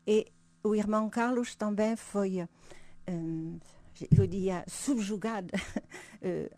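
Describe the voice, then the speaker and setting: A religious sister appears as a radio guest, giving a reflective, conversational explanation in a mellow, mid-range voice with no echo. She speaks slowly and thoughtfully, searching for words and often tagging phrases with "hein?"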